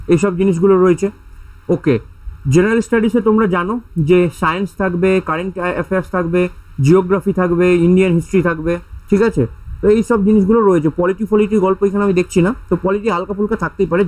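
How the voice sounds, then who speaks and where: A man's voice: high voice, rough recording. A man giving a casual exam-prep lesson over slides, chatty and repetitive, often checking in with his students. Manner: chatty, repeats points, checks in with listeners. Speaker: exam coaching teacher.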